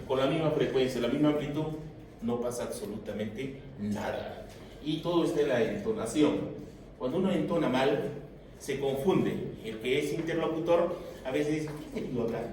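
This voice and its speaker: A man giving an animated, joking classroom lecture to his students. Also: medium pitch. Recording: echoey room, mic far off, noisy.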